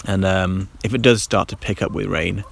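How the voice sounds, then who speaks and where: A man's voice: sits low, steady tone, moderate pace, vocal fry. A man hosting a casual solo podcast, rambling with many ums and restarts, recorded on a handheld dictaphone in a damp garden in light rain. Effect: handheld dictaphone recording outdoors. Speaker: podcast host. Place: damp garden outdoors in light rain, then a covered shelter.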